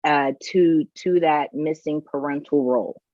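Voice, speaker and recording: A woman's voice: deep voice, unhurried, dark tone, no echo, highs cut off. A woman co-hosting a casual podcast chat, thinking aloud and restarting her sentences. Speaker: podcast co-host.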